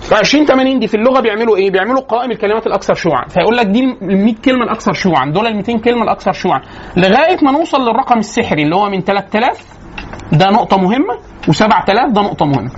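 Egyptian male lecturer, very fast colloquial delivery, mid pitch, dull lo-fi recording. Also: animated. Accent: Egyptian Arabic. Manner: rapid, colloquial, many rhetorical questions and restarts. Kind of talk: informal lecture. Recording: slightly dull lo-fi sound with faint noise.

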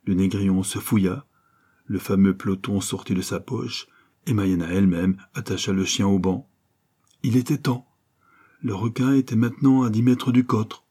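A man's voice: steady tone, normal speed, mellow, slightly rough. A man reading an adventure novel aloud as scripted narration, lifting his voice for the characters' lines. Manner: reads dialogue with lifted, livelier pitch. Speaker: audiobook reader.

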